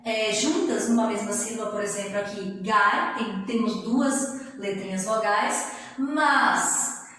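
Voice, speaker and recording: A woman teaching a grammar lesson, sounding out syllables slowly and often checking in with her students. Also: medium pitch, fairly even intonation, fairly bright tone. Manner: slow, drawn-out syllables with frequent check-in tags. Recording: very echoey room with long reverb.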